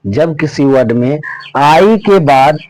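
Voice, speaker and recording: A man teaching English pronunciation rules, repeating each rule and word slowly. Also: on the high side, expressive, darkish tone, poor audio. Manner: slow, repeats rules and words over and over. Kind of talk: pronunciation lesson.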